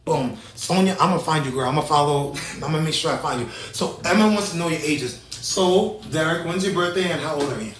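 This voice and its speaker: A man in his thirties hosting a casual talk show, energetic and rambling, often restarting his sentences. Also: fairly high pitch, quick pace, hardly any pauses, echoey room, far from the mic, slight background noise, low-quality recording. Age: 30s. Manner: energetic, rambling, self-correcting. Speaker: host.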